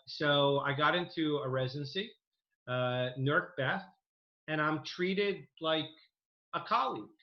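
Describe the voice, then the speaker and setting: A man in his fifties from New Jersey, a dental program director, talks earnestly about his career in a slightly high voice. His speech is full of fillers and restarts. The video-call audio sounds roomy and muffled. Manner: earnest, enthusiastic storytelling with many fillers. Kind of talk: interview over video call.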